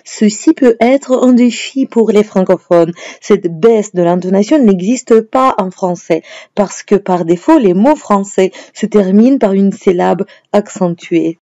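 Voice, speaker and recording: A woman teacher narrating a scripted lesson in a clear, explanatory way. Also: medium pitch, unhurried, mellow, no room sound, lo-fi sound. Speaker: language teacher.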